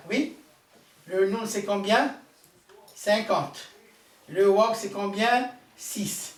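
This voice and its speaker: A man rabbi teaching a Torah lesson to a live audience, quizzing them with questions and stressing key words. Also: high-pitched. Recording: roomy hall from a distant mic, faint noise.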